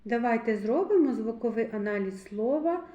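A woman teaching a literacy lesson to young children, speaking slowly and clearly articulated. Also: a little high, expressive, warm tone, reverberant, dull audio. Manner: slow, clearly articulated, sing-song addressing children. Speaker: kindergarten teacher.

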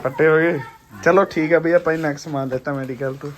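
A man's voice: a little high, fairly even intonation, fast. A young man with a Malwa Punjabi accent chatting casually as a vlogger. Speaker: vlogger and kabaddi player. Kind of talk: casual vlog chat. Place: in a car and outdoors. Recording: loud chatter behind, car and outdoors.

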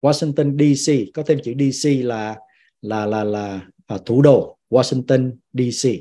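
Slow, soft-spoken man teaching vocabulary. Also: mid-range voice. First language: Vietnamese. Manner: repeats each English word slowly, then explains it. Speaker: pastor teaching citizenship class. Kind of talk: vocabulary lesson, teacher repeating words.

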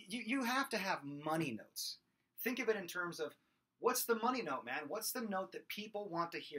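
A vocal coach in his thirties, teaching singing casually to a desk-distance webcam at home, talks with his hands and belts high screams to illustrate. His small, nasal, slightly whiny voice is bright, forceful and slightly rough, and the audio is poor.

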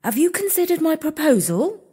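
A narrator voicing a bossy, bad-tempered elder sister who scolds and domineers in a shrill, high voice. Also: sing-song, normal speed, dark tone. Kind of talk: storybook character voice.

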